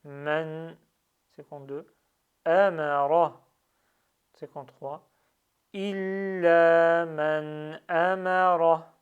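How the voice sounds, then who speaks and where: A man teaching a slow, patient lesson, drilling syllables with long drawn-out sounds. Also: on the high side, vocal fry, lo-fi sound. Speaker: Arabic reading teacher.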